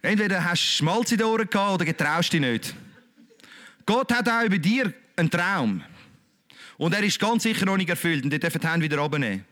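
A man's voice: sits high, expressive, fairly quick, fairly bright tone. A man with a Swiss German accent preaching a sermon in a colloquial, emphatic, repetitive way.

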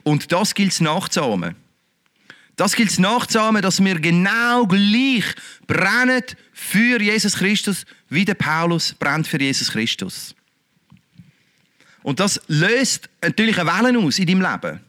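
A middle-aged man, preaching a lively, conversational sermon full of rhetorical questions. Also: high-pitched, a little slow. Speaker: pastor.

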